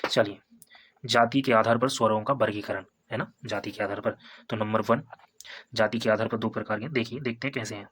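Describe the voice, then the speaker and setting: A man's voice: on the low side, steady tone, fairly bright tone, husky. Man teaching Hindi grammar step by step. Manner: repetitive, explains step by step with tags like "है ना" and "ठीक है"; sounds out vowels slowly for examples. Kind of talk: Hindi grammar lesson for exam prep.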